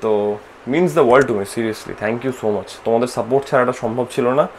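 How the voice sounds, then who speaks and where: A man with a Bengali accent vlogging at home, talking slowly and softly to save energy, tired from a fast, dropping English phrases into his speech. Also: medium pitch, a little hiss or hum. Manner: slow, soft-spoken, mixing English phrases into speech. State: tired and low on energy from fasting. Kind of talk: casual vlog narration. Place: home, indoors.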